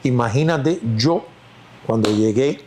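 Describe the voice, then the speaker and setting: A man's voice: mid-range voice, lively intonation, slow pace, a little mellow, a little hiss or hum. A man with a Cuban accent, an actor being interviewed, speaking in a reflective, storytelling way with plenty of fillers. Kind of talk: casual interview talk.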